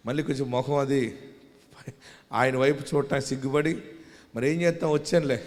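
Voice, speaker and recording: Male pastor preaching, raised pitch, rallies the congregation, recorded in an echoing hall. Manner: swings from quiet talk to loud shouting; calls on the congregation to shout hallelujah. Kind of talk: sermon. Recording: long hall reverb.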